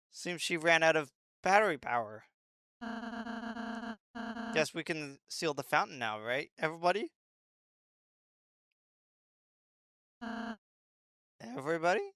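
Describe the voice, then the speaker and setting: A timid young woman, read by a man speaks softly and slowly, barely raising her voice. Loud game music plays behind her. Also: high voice, no echo, clean studio sound, heavily acted. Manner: soft, hushed reading.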